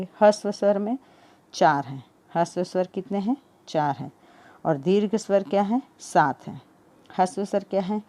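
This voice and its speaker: A woman's voice: mid-range voice, mellow. A woman teaching a Hindi grammar lesson for teaching exams, who repeats each key point as a question and answers it. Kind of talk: exam-prep lesson.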